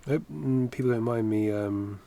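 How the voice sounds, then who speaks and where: A man in his thirties streams himself drawing animation from a home studio, chatting in a rambling, self-correcting way through a headset. His voice sits on the low side at normal speed, with vocal fry and a dark tone, and there's slight background noise.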